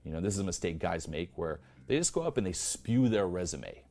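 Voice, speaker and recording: A man's voice: low-pitched, big pitch swings, fairly quick, vocal fry, warm tone. A young man coaching on dating in a blunt, profane monologue, peppered with "you know" and "okay". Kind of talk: instructional monologue.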